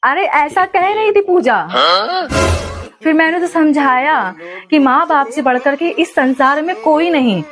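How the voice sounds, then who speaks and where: Fast-talking young woman over music. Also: high voice. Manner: rapid, complaining gossip. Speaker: comedy sketch actor. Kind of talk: comedy sketch acting. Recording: music playing behind.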